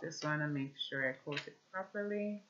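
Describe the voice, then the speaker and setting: Speaking to camera in a small shelved room at home, a woman in her thirties with a Jamaican accent delivers an earnest, measured personal religious testimony that includes scripture reading. Her voice is low with the highs cut off, and the background is noisy.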